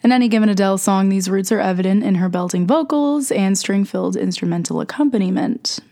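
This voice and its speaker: A woman's voice: medium pitch, quick pace, mellow. A young woman hosting a radio music show with scripted commentary, sounding congested with a sore throat and a stuffy nose.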